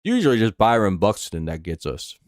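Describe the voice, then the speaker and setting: On a live sports stream, an American man rambles through casual, profane play-by-play and fan chat, a slight lisp and false teeth giving his s a whistle. He speaks briskly in a fairly low, sing-song voice, and the sound is clean studio quality without echo.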